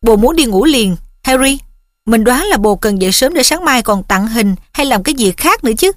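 A woman's voice: on the high side, lively intonation, normal speed, no echo, clean studio sound, natural voice. A woman voicing a jealous, sulky teenage boy in an audiobook reading, speaking in a sarcastic, needling way.

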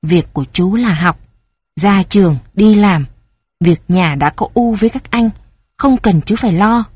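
A woman voicing a stern eldest brother who curtly scolds his younger sibling, slowly and huskily. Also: mid-range voice, darkish tone, breathy edge. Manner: curt, scolding.

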